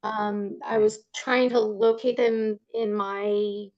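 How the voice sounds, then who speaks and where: A woman giving polite sworn testimony as a witness, halting, with long pauses. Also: medium pitch, level tone, no echo. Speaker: witness, parent in child support case. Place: court hearing over video call. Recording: slightly dull video call audio.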